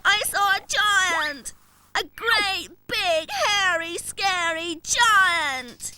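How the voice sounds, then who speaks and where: A woman's voice: very high voice, lively intonation, extremely slow, sharp tone, dry recording, full character voice. A woman voicing a small, frightened puppy creature in a children's cartoon, breathless and childlike, full of exclamations. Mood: alarmed.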